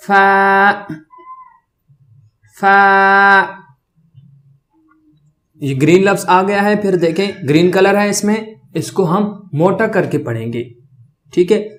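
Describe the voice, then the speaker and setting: High-voiced man teaching letter sounds. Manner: explains slowly, then drawls each letter loudly twice. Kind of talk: beginner pronunciation lesson.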